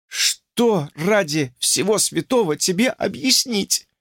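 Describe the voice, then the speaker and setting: A man's voice: sits high, animated, slow, a bit bright, no room sound, clean studio sound, voice pushed up, exaggerated voice. A man voicing a teasing, self-assured young woman who speaks in a light, mocking way.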